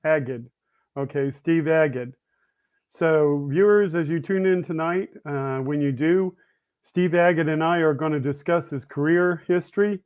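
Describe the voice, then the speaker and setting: Male podcast host, slightly high voice, reads questions plainly, thin phone-line sound. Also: measured pace, clear, resonant tone. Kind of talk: interview questions.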